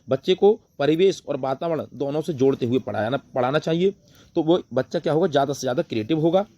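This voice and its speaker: A man's voice: fairly high pitch, a little mellow, slight background noise. A man teaching an online exam-prep lesson, repeating key terms, asking rhetorical questions and answering them himself. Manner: repetitive, rhetorical questions, calls listeners brother.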